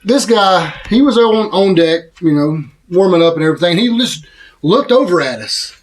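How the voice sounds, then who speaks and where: A man's voice: sits high, animated, moderate pace. A man co-hosting a podcast, recounting events in laid-back casual chat. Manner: laid-back storytelling with quoted asides. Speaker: podcast co-host.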